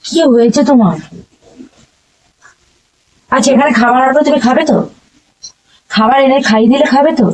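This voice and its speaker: A woman's voice: sits high, normal speed, pauses often, a little mellow, poor audio. A young woman with a Bengali accent, coaxing and pleading with her husband, exasperated when he ignores her. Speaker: wife in a prank video.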